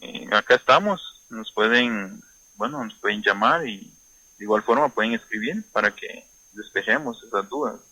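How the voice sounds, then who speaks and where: A man teaching a vocabulary lesson, saying each word slowly and repeating it for pronunciation drill. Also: lowish voice, lively intonation, sharp tone, dry recording, poor audio. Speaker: language teacher.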